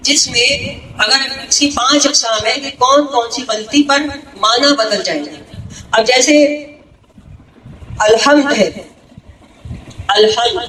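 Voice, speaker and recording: A woman's voice: a little high, a bit bright. A woman religious speaker teaching a gathering, explaining step by step and often checking that listeners follow. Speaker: female religious speaker (zakira). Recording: echoey hall, distant mic, faint noise.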